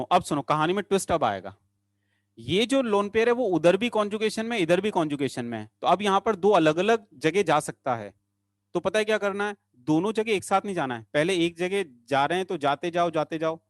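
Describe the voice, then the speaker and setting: A man with a slightly high voice teaching a chemistry class online. He coaxes his students along, repeating short phrases in a sing-song lilt, recorded close and dry. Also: no room sound.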